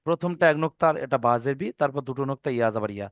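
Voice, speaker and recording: A man teaching an online reading lesson, patiently spelling out letters and vowel marks step by step and drawing out the recited words slowly. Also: mid-range voice, lively intonation, no room sound, clean studio sound.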